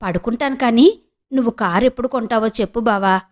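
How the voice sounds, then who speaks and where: Push hard as a narrator doing a fiery, demanding young wife, with a high-sitting voice. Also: female voice, brisk, natural voice. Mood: coaxing. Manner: scolding, demanding. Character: hot-tempered young wife.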